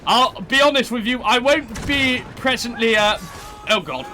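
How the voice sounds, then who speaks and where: A man's voice: extremely high pitch, measured pace, sharp tone, a little hiss or hum. A man live streaming a game, chatting politely and reading out viewers' messages as he plays. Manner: chatty, polite, reads chat aloud. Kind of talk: casual gameplay chat with viewers.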